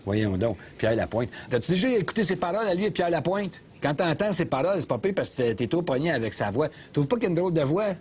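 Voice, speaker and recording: An actor with a Québécois accent playing a loud, opinionated middle-aged taxi driver who rants and mocks sarcastically, in a comedy sketch filmed inside a cab. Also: male voice, fairly high pitch, big pitch swings, fast, few pauses, breathy edge. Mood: mocking. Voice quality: sarcastic ranting, mocking.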